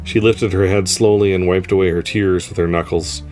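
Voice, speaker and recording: A man reading a story aloud in a measured, steady narration. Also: low voice. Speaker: story reader. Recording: faint music underneath.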